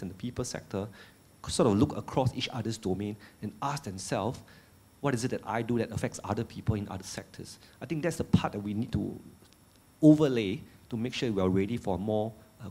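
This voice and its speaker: A man answers on a panel in a large lecture hall, holding a handheld microphone. His voice sits low and has a husky edge. He speaks earnestly, often repeating words as he searches for the right phrasing. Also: brisk, a little mellow. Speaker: panelist, Singapore official.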